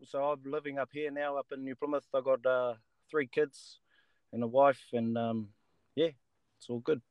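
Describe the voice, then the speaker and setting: A New Zealand man from Taranaki chats casually at a medium pitch. He is laid-back and matey, circling back on his own phrases, recorded close and dry. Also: little pitch movement, normal speed, smooth, no echo, dull audio. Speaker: guest, rugby player. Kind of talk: casual chat.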